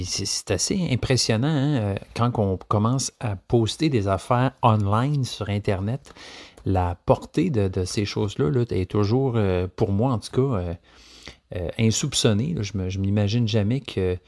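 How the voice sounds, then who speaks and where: A man with a Québécois accent hosts his podcast in a casual, rambling way. His voice sits fairly low, and he pauses often on hesitant fillers as he works through his thoughts. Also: darkish tone. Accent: Québécois French. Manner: hesitant, many fillers and restarts. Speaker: podcast host.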